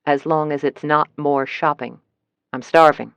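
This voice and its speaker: A woman's voice: sits low, steady tone, a little slow, clear, resonant tone, no echo. A woman reading the lines of a hungry, impatient grown man in an audiobook, dry and teasing.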